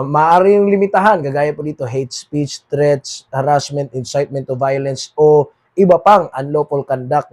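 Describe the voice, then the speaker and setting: A Filipino man from the Philippines, with a Filipino accent and a slightly high voice, hosts a political commentary monologue. He alternates between reading English lines and speaking Tagalog, repeating "mga kaboses, mga kababayan." His voice drops quieter as phrases end.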